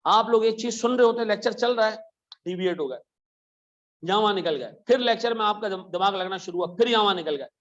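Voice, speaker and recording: A middle-aged man teaching accounting in a classroom, lively, telling stories and firing questions at his students. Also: sits high, fast, highs cut off. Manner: animated, asks students questions, tells stories. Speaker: accounting lecturer. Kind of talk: classroom lecture.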